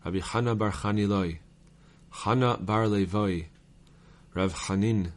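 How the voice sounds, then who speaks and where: A man reciting a long list of names in a steady, list-like rhythm. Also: fairly low pitch, measured pace. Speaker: reader.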